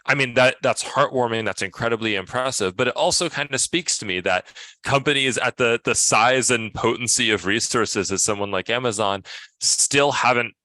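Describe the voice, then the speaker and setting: Bright-toned man, animated. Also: mid-range voice, normal speed, dry recording. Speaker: panel guest. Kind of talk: panel discussion.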